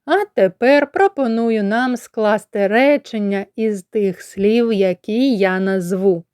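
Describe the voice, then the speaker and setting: A Ukrainian woman kindergarten teacher gives children a slow lesson, spelling out sounds and syllables with careful, deliberate articulation. Her voice is mid-range and darkish with a clean tone, recorded at studio quality with no room sound.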